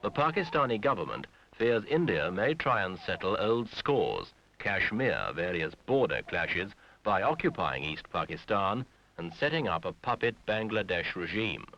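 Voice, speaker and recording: A man giving grave, measured scripted narration in short phrases for an old newsreel soundtrack. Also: lowish voice, sing-song, bright, forceful tone, a little hiss or hum. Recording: dull lo-fi 1970s film sound with music.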